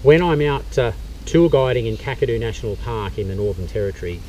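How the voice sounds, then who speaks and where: Working on his knees in a forest, a middle-aged Australian bushcraft instructor and tour guide explains a skill step by step in a warm, relaxed, mid-range voice, stopping on fillers as he goes. A camera mic a few metres off captures him from a distance, so the audio is poor, with a faint hum of noise underneath.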